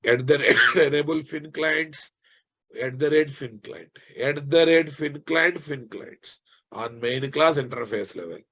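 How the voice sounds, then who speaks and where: Husky Telugu-accented Indian man teaching. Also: on the high side, measured pace, pushed and bright. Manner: repeats phrases, often addresses listeners informally. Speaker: programming instructor. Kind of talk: live technical lesson, dictating notes and quizzing students.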